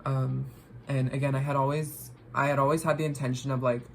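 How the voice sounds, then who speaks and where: A man's voice: mid-range voice, level tone, fairly quick, vocal fry, slight background noise. A young man vlogging a casual storytime while getting ready at home, rambling in slang with a "like" in every line and swearing bluntly. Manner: rambling, slangy, fillers of "like" throughout; blunt and cussing.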